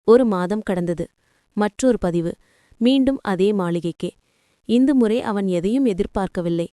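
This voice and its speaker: A woman storyteller reading a story in a calm, measured and emotive way. Her voice is mellow and dark, smooth and clear. The sound is close and dry. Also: mid-range voice, dry recording. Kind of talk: scripted narration.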